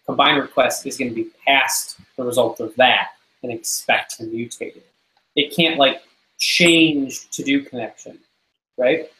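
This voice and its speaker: A man in an online meeting questioning a software design, thinking aloud with many restarts. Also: mid-range voice, fairly even intonation, measured pace, echoey room, low-quality recording. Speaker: developer in meeting. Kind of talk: technical discussion in a meeting.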